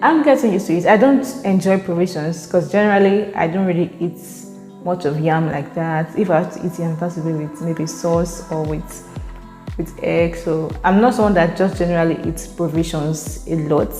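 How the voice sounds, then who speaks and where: Her voice sits lowish, warm in tone and at a moderate pace as this young Nigerian woman vlogs casually to camera. She's chatty, speaks with a Nigerian accent, laughs a lot and repeats words as she thinks. There's faint music in an echoey room.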